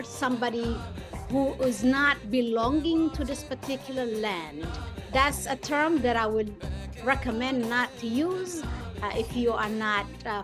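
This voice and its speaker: A middle-aged woman from Ethiopia, a chef telling her story in a podcast interview, speaking with many pauses and fillers. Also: fairly high pitch. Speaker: chef and guest.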